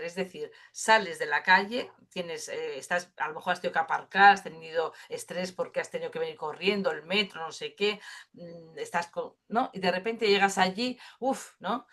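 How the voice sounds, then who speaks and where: Gentle woman teaching voice. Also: fairly low pitch. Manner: gentle, thoughtful, many fillers and tag questions. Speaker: singing therapy teacher. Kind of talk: teaching a workshop module.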